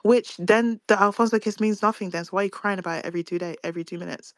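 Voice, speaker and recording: A woman's voice: mid-range voice, very fast, no room sound. Brief: young woman, chatty reality-show recap, frank and profane, dry close sound. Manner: animated, swearing, quoting others in mimicked voices. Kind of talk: casual gossip recap.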